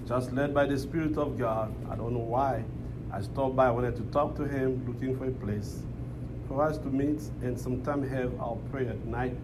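Congolese-accented male preacher, noisy live recording. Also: mid-range voice. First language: not English. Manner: repeats phrases, calls for amens. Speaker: visiting pastor. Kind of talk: church preaching and prayer with call-and-response. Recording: noisy live church room.

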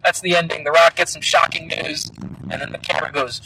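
A man's voice: a little high, steady tone, fairly quick, pushed and bright, slight background noise, low-quality recording. A young man co-hosting a podcast in casual, jokey, sometimes crude chat, talking from inside a moving car into a laptop mic. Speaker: podcast co-host. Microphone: laptop microphone.

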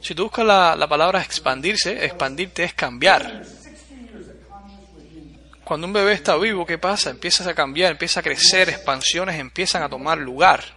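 A man giving a blunt, forceful motivational speech to a live audience, asking rhetorical questions. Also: a little high, moderate pace. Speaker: motivational speaker. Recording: crowd audible behind.

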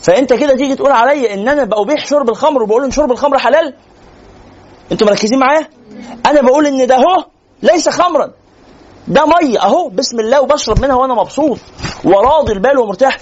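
A man with an Egyptian accent giving a religious lecture in a conversational, animated way, teasing and asking rhetorical questions. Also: very high voice, rapid-fire, muffled recording, slight background noise. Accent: Egyptian Arabic. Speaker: sheikh lecturer.

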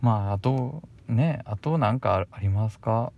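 A man's voice: medium pitch, measured pace, gravelly, highs cut off. Bashful man with a Kansai accent. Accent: Kansai Japanese. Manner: bashful, chuckling, loose rambling pace. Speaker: radio host. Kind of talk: casual solo radio talk.

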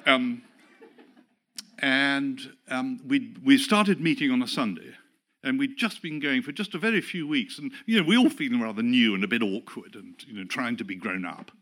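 Older male preacher from England, bright forward tone, chatty self-mocking sermon with acted-out quotes. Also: mid-range voice, normal speed. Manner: chatty, self-deprecating storyteller who acts out quotes. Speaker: pastor.

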